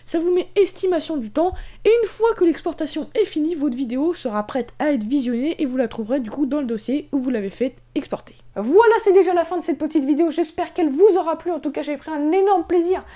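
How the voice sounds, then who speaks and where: A young woman talks fast in a high, expressive voice with a dark tone, guiding viewers step by step through a screen-recorded video-editing tutorial. She's casual and uses lots of fillers.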